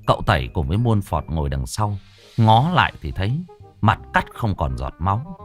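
A man narrating a story in a vivid, earthy way. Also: lowish voice.

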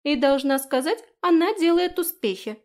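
A woman voicing a tiny, feisty female fairy with a shrill, combative manner. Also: animated, normal speed, darkish tone. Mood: proud.

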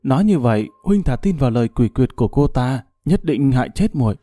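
A man voicing a proud, jealous, bossy young woman in a storybook reading, speaking curtly in a dark, dry tone. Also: mid-range voice, expressive, brisk, dry recording, close to an everyday voice. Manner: cold, curt and demanding.

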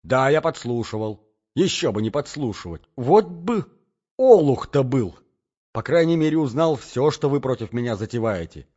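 A man voicing a hot-tempered jilted young gentleman in an audiobook, shouting indignant outbursts. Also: medium pitch, animated, normal speed, natural voice. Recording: dull lo-fi audiobook recording.

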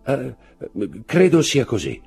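A man reading an audiobook, voicing a terrified, superstitious male Corsican steward who shouts and pleads desperately. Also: mid-range voice, huge pitch swings, slow pace, vocal fry, husky, faint music behind, pitched above the performer's own voice, full character voice. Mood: nervous. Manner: shouting, desperate, trembling pleas.

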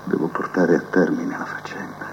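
An actor playing a proud, scheming male prison inmate who believes he is a genius, musing aloud to his cellmate in a theatrical TV drama monologue, drifting between soft mutters and sudden outbursts. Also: deep voice, flat delivery, normal speed, vocal fry, noisy background. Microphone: cassette recorder mic held to a TV speaker. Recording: muffled TV audio taped off a set onto cassette.

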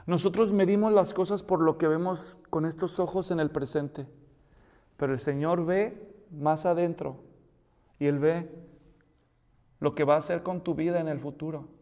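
A man's voice: a little high, steady tone, moderate pace, long pauses, mellow, long reverb tail. A man preaching a sermon as pastor, asking the listeners questions and building to emphatic peaks.

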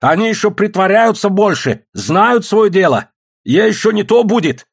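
A man's voice: sits high, sing-song, normal speed, slightly rough, pitched above the performer's own voice, full character voice. A male narrator voicing a small, cruel policeman who jeers and gloats at prisoners. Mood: gloating. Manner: jeering, gloating.

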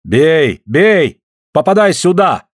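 Fierce northerner, high and slow, broken halting speech. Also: male voice, expressive, a little mellow, no echo, studio quality. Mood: shouting, terse. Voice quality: broken speech, drawn-out words. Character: northern native man, broken Russian, fierce.

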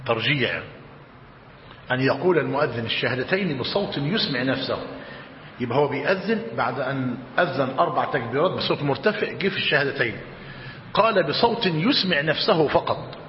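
A man with an Egyptian accent teaching a religious lesson, slowly dictating and repeating each phrase and quizzing his students. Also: on the high side. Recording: dull roomy hall recording, faint hiss.

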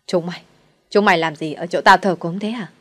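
A woman's voice: lowish voice, fairly even intonation, a little fast, a bit bright. A woman voicing an older fortune-teller mother who scolds shrilly and mutters prayers, in a storybook reading. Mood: scolding. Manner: scolding, then fawning when praying.

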